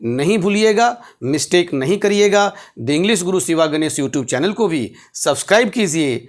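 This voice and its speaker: Slow, lively high-voiced male English tutor. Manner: emphatic, repeats key words and asks rhetorical questions. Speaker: English teacher. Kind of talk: explanatory language lesson.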